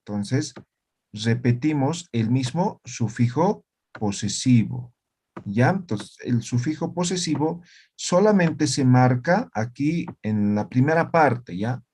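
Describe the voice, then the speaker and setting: Slow-talking man teaching. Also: mid-range voice, expressive, a little mellow, a little hiss or hum. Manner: explains slowly, tagging lines with "¿no ve?" and "¿ya?". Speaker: language teacher. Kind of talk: online class lesson.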